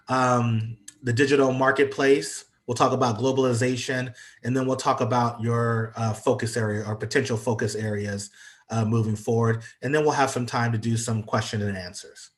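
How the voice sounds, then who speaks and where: Speaking with a medium pitch, fairly even intonation and a moderate pace, a congested American man delivers an online guest presentation on a video call. His allergies are acting up, and his talk is hesitant and full of ums and uhs.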